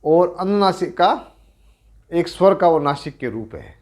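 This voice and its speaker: Middle-aged man, Rajasthani accent, grammar lecture, unhurried, fairly high voice. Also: lively intonation, darkish tone. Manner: slow, deliberate explaining with pauses and self-corrections. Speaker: teacher.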